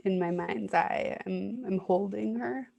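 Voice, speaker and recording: A woman giving a reflective, self-guided therapy demonstration, speaking in a gentle, soothing way with hesitant pauses. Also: medium pitch, creaky. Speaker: IFS parts work demonstrator.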